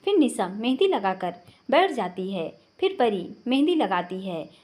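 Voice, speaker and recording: A woman storyteller giving a steady, expressive scripted narration. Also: medium pitch, unhurried.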